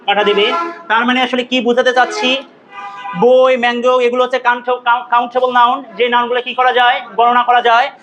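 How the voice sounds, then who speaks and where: Male grammar teacher, very high and flat, drills words, quizzes class. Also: muffled recording. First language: Bengali. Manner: repeats words for drill, asks students questions.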